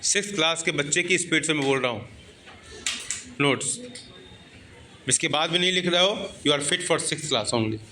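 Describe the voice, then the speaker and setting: A man's voice: fairly high pitch, expressive, normal speed, long pauses, pushed and bright, slight background noise. A male Indian teacher dictating class notes, spelling words letter by letter and mixing English with Hindi while telling students to sit up and underline. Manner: switches between English and Hindi, scolding students to sit properly.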